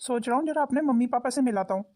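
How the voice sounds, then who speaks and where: A woman plays a mild young son-in-law in a cartoon, speaking politely and trying to reason. His voice sits somewhat high for a man. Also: rapid-fire, warm tone, no room sound, clean studio sound, close to an everyday voice. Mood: pleading.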